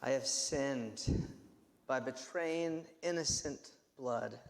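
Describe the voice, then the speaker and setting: Remorseful traitor played by a man for church drama, very slow delivery, creaky, echoing hall. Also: mid-range voice. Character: remorseful betrayer confessing his guilt. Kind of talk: church reader's theater. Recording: reverberant hall.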